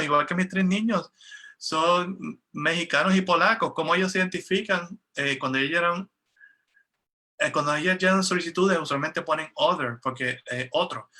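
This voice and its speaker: Un hombre que interpreta una conversación en una videollamada y habla en tono conversacional, con muchas muletillas y frases que vuelve a empezar. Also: male voice, a little high, sharp tone. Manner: conversational, with frequent fillers and restarts. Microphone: video call.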